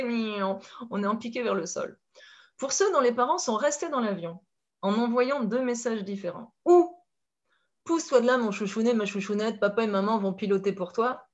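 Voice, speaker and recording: Lively French-accented woman coach. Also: a little high. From France. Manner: lively, expressive, laughs often. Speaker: life coach. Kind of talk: conversational talk with metaphors.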